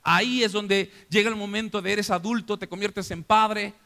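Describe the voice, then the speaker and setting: Middle-aged Mexican male pastor, emotional sermon testimony, high and bright, reverberant hall. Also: fairly even intonation, moderate pace, vocal fry. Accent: Mexican Spanish. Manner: emotional storytelling, acting out family voices. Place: church.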